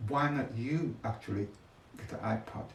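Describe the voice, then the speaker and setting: Here the older interviewee talks at a moderate pace in a mid-range voice, thinking back on his life in his own words. Echo, faint noise and a distant microphone mark the audio.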